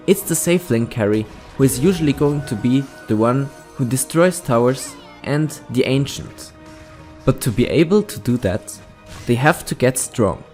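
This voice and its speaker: A man's voice: medium pitch, darkish tone. A man reading scripted explainer narration for a gaming documentary. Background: faint music.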